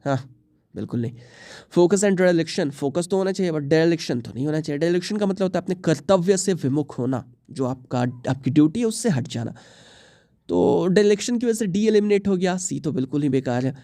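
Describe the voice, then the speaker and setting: A man's voice: fairly high pitch, animated, normal speed, mellow, no room sound, studio quality. Hindi-speaking male English teacher. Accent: Indian English. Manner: explains each option, mixing English terms into Hindi. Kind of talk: exam prep lesson.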